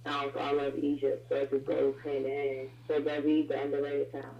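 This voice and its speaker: A woman's voice: very deep voice, monotone, a little fast, gravelly. A woman calling in as a guest rapper, heard over a phone line with echo and feedback, talking in a loose, chatty way with lots of fillers. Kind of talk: casual call-in interview. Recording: echoey, dull phone line.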